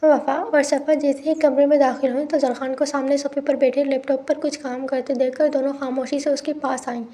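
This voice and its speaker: A woman narrating a romance novel in a steady, even reading voice. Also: sits high, fairly quick.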